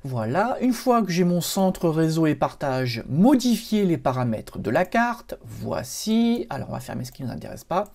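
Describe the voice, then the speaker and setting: French guy doing a pc how-to, mellow voice that jumps up and down a lot, lots of euh and hop. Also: on the high side, big pitch swings, normal speed, creaky, hardly any pauses. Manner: chatty, explains step by step with many fillers and "hop". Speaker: computer help tutorial host. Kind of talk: screen-recorded software tutorial.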